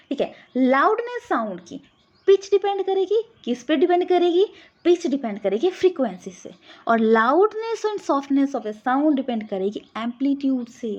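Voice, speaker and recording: A woman's voice: high-pitched, a little mellow, dull audio. A woman teacher giving an exam-prep physics lesson, explaining step by step and often checking whether students have understood. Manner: explains step by step, keeps asking "samajh aa gaya?" to check.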